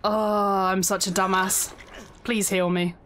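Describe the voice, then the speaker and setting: A woman streaming a video game, talking casually as she plays, excitable and quick to swear. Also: medium pitch, a little hiss or hum. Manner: excitable, swears and laughs often. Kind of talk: casual gameplay commentary.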